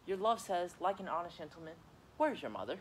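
A man's voice: a little high, animated, moderate pace, fairly bright tone, slight background noise, poor audio. A teenage boy playing an eager, impatient young girl in love in a school Shakespeare reading, pleading and restless. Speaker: student actor.

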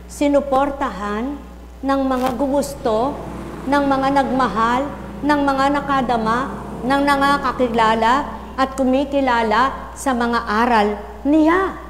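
A woman preacher giving a sermon, asking the congregation the same questions again and again and swinging from soft, low lines to loud, high cries. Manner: repeated call-and-response questions to the crowd. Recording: echoey hall with faint hum.

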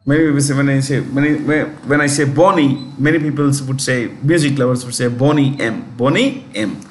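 A man with an Indian English accent teaches a current affairs lesson in a loose, chatty way, often stopping to correct himself and spell words out letter by letter. His voice sits at a middle pitch, and faint noise hums behind him. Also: fairly even intonation, fairly quick.

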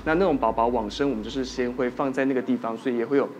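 A man with a Taiwanese Mandarin accent, a doctor guest on a TV talk show, telling a spooky hospital story in soft, trailing sentences. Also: mid-range voice, fairly even intonation, rapid-fire, muffled recording, soft background music.

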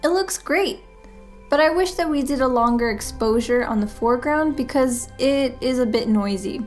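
A woman giving calm, matter-of-fact voice-over commentary as co-host. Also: high voice, normal speed, soft background music.

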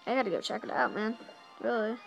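A young woman giving casual, rambling commentary while playing a handheld game, excitable and full of asides, in a small dim room. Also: on the high side, quick pace, creaky, highs cut off, faint music behind. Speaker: gameplay narrator. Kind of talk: casual let's-play commentary. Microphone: handheld camera filming a game screen.

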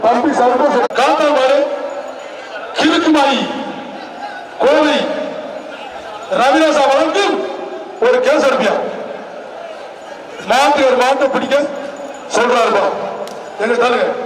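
A man announcing at an outdoor event through a public-address loudspeaker. He calls out prizes and cheers with loud, repeated shouts. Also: very high-pitched, slow, pauses often, a little hiss or hum. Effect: voice heard through a public-address loudspeaker. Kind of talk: live event commentary calling out prizes. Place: outdoor bull-taming arena. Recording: echoing loudspeaker heard from far off over a loud crowd.

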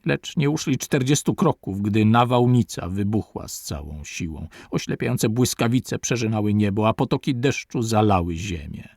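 A man narrating a classic adventure novel aloud in a measured literary reading. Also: on the low side, lively intonation, gravelly, a little mellow, no room sound, studio quality. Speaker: audiobook narrator.

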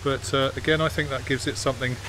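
This casual walk-around commentary comes from an English classic car vlogger ambling through an outdoor car park, relaxed but halting and heavy on fillers. His voice is pitched in the middle. Background noise from a jet washer and the outdoors comes through clearly on the phone recording.

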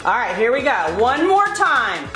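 A woman plays with her child at home, cheering him on and laughing as they go. Her voice sits high and swoops with animated pitch. The sound is roomy, with music running underneath. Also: a little slow. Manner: bubbly, encouraging, laughs often. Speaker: mom and co-host of a kids' toy channel. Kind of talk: playful toy play with her child. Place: living room at home.

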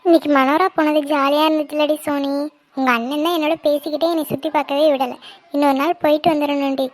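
A woman's voice: sits high, fairly even intonation, fast, close to an everyday voice. A woman voicing a cheerful young woman in a cartoon, the heroine's best friend, with a playful, teasing, nosy way of talking. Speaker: cartoon character. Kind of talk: cartoon voice acting.

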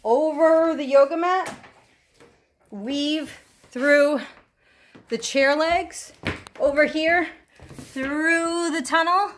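Cheerful woman coaxing her dog. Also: high voice. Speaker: dog owner. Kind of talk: casual home video. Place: apartment living room.

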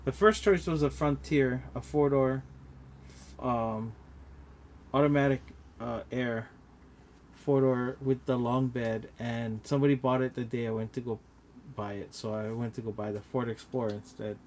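Halting mid-pitched man in casual chat. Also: fairly even intonation, a little mellow, slight background noise. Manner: halting, hesitant, lots of restarts.

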